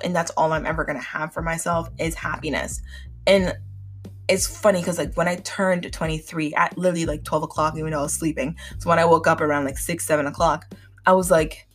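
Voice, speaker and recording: A woman in her twenties talks through her own podcast, candid and chatty, slipping in "like" and "um" constantly. Her voice sits a little low for a woman and carries a faint sickly edge. Soft music plays faintly underneath. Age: 20s. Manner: candid and chatty, many fillers. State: slightly sick. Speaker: podcast host. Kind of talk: casual solo podcast talk.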